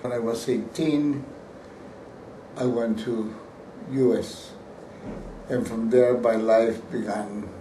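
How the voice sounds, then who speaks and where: An older Peruvian painter, whose first language is Spanish, answers interview questions at length, restarting sentences and repeating words. His mid-range voice is dark and steady, slow, with frequent pauses. The sound is roomy, picked up by a distant mic with faint hiss.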